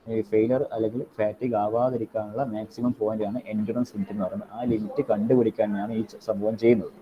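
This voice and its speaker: A man teaching an online class, explaining in quick repetitive Malayalam and pausing to dictate notes slowly in English. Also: fairly low pitch. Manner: repetitive, checks in with students often. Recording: dull lo-fi online call audio with faint noise.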